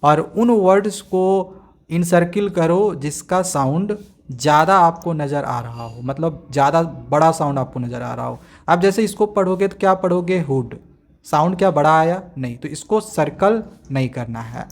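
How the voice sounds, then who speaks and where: A man teaching a primary school English lesson, reading English lines slowly and explaining each one step by step, often asking if it is understood. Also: on the high side. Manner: explains step by step, often checks "samajh mein aa gaya?".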